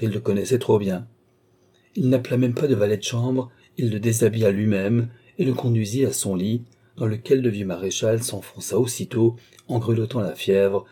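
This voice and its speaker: A man reading a classic novel aloud in an even, literary manner. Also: lowish voice, slightly rough. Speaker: audiobook narrator.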